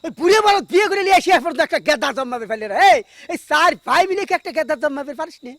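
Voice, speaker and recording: Shrill, jeering village troublemaker. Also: male voice, animated, rapid-fire, slight background noise, full character voice. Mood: mocking. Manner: mocking, shouting taunts. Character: taunting, quarrelsome village man.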